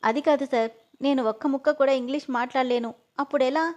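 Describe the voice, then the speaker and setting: A woman's voice: high-pitched, steady tone, fast talker, darkish tone, close to an everyday voice. A woman voicing a timid young village woman who speaks in a tearful, pleading way. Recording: dull lo-fi audio.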